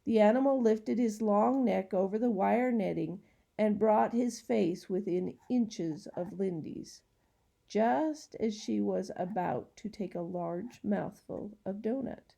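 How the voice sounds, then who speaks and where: A woman narrating a children's storybook in a gentle, unhurried reading style. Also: mid-range voice, vocal fry. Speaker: audiobook reader.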